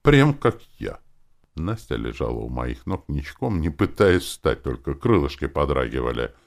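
A man's voice: rumbling low, sing-song, moderate pace, creaky. A man narrating a first-person audiobook in a brash, irreverent storytelling manner.

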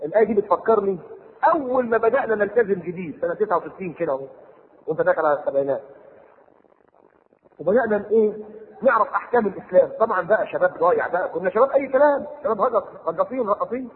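High, fast-talking Egyptian preacher. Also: male voice, expressive. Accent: Egyptian Arabic. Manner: theatrical, acts out people and jokes with the audience. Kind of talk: recorded sermon lecture. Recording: tinny lo-fi recording with long hall reverb and faint hiss.

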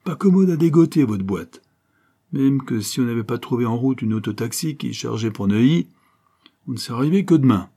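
A man's voice: medium pitch, animated, a little fast, warm tone, husky, voice pushed up. A man voicing a bold, streetwise street urchin boy with slangy, boastful patter. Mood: cocky.

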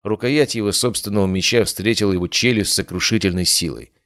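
Low-voiced male audiobook narrator. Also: quick pace, a bit bright, no room sound, clean studio sound. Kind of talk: first-person scripted fantasy narration.

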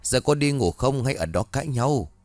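This is a sharp-tongued young woman in a spoken ghost story who keeps scolding the two men around her. The pitch moves a lot and the sound is dry and close, with a man reading her lines in his own voice. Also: lively intonation, normal speed, no room sound, lightly acted.

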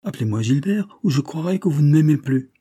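A man's voice: mid-range voice, moderate pace, warm tone, slightly rough, lightly acted. A man reading the part of an impulsive young nobleman, easily irritated.

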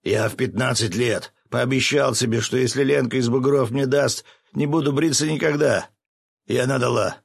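A man voicing a stubborn, whiny bearded fisherman who protests shrilly and indignantly in a storybook reading, with a gravelly edge. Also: on the low side, expressive, normal speed, dry recording, studio quality, pitched above the performer's own voice, exaggerated voice. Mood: protesting.

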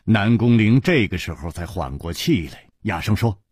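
A man's voice: on the low side, big pitch swings, normal speed, darkish tone, husky, no room sound, studio quality. A man narrating a martial arts tale in a vivid, dramatic traditional storytelling style. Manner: vivid, dramatic, acting out scenes.

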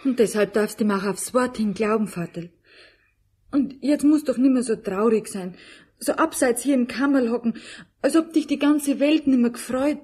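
A woman's voice: a little high, moderate pace, warm tone, breathy edge. A woman playing a tender, consoling daughter in an audio drama, with a southern German accent. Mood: tender, coaxing. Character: tender, consoling grown daughter of old puppeteer.

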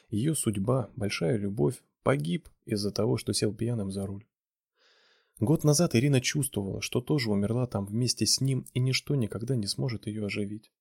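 A man reading a romance novel aloud in a steady, measured narration. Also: on the low side, creaky, husky, dry recording, studio quality. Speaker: audiobook reader.

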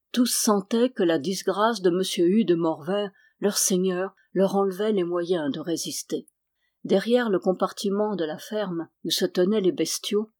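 A woman reading a historical novel aloud in a measured, steady way. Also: fairly low pitch. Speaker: audiobook reader.

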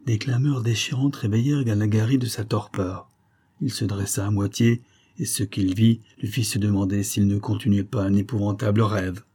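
A man narrating an adventure novel in a measured, dramatic reading. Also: lowish voice, dark tone, slightly rough. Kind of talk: scripted audiobook narration.

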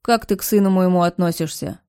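A woman's voice: fairly low pitch, clean tone, no room sound, studio quality, natural voice. Woman voicing a weary, weak older man. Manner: quiet, weary and slow.

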